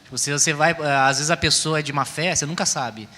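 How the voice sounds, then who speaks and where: A man's voice: on the high side, fast, sharp tone. A man with a Brazilian accent talking informally as a panelist in a discussion. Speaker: panelist, type consultant. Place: round table in a reverberant hall. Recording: echoey hall, faint ambient noise.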